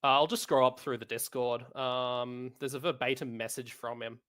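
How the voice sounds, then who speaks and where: An Australian man as a guest on a casual gaming podcast over a call, talking in a measured, hedging way. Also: medium pitch, fairly even intonation, a bit bright. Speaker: podcast guest, tournament player.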